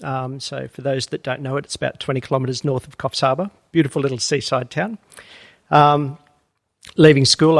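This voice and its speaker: This is an Australian man in middle age, talking on a podcast as a guest. His voice has a gravelly rasp, and he is recorded very dry and close, with no room echo. He tells his story in a loose, easygoing way, full of ums and uhs. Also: medium pitch. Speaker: guest, HR executive. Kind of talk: conversational podcast interview.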